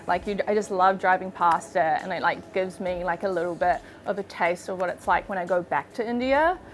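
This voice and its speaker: A woman's voice: fairly low pitch, fairly quick. A woman speaking casually in an interview, using many filler words. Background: music.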